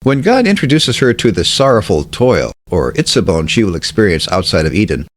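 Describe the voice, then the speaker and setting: A man giving a scripted Bible study talk, measured and emphatic, slowing down to stress key words. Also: sits low, sing-song. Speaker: Bible teacher.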